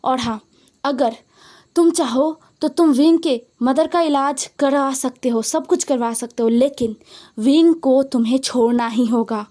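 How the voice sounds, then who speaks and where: A woman's voice: high-pitched, a little slow. A woman doing a domineering furious old uncle. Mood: commanding. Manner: shouting, commanding.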